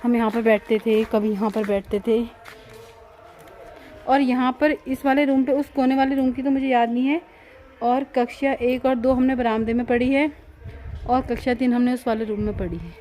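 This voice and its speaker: A vlogger in her thirties chats directly to viewers in a casual home vlog, filmed outdoors at a village home. Her voice is a little high and dark in tone, with fairly even intonation and normal speed, though the audio quality is poor.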